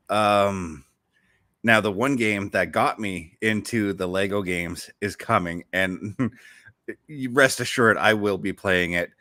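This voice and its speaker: A man hosting a relaxed gaming podcast, his low voice carrying a bright, forward edge. He talks with eager enthusiasm, rambling and doubling back mid-sentence as he goes. The sound is close and dry. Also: slow pace, long pauses, no room sound. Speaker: show host. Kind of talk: casual podcast chat about games.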